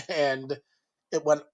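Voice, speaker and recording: A man's voice: on the high side, poor audio. A man from New Jersey in a casual podcast chat, talking hesitantly, doubting himself and laughing often. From New Jersey, USA. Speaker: podcast host being interviewed.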